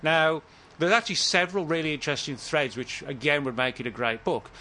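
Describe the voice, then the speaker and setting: A man's voice: a little high, a little fast, sharp tone. A man guesting on a casual talk show, telling a story at length, often stopping to correct himself. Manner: rambling, self-correcting storyteller. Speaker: author guest. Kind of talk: casual podcast conversation.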